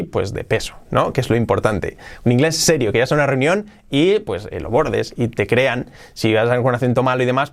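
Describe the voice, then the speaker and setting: Lively Spanish man teaching English. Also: medium pitch. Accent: Spain Spanish. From Spain. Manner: lively, repeats himself, quick asides and laughs. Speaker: English teacher, channel host. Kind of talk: casual video lesson to camera.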